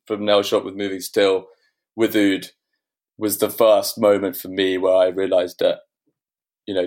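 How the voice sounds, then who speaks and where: A man's voice: deep voice, a little mellow. A man who runs a record label, answering interview questions in a casual, rambling way, with frequent restarts and fillers. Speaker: record label owner, guest.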